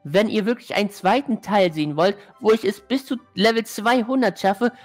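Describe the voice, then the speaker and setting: A woman's voice: mid-range voice, expressive, moderate pace. A woman hosting a gaming channel, giving casual gameplay commentary and exclaiming in frustration at a hard level. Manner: frustrated, exclaiming, addressing viewers as friends. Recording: faint background music.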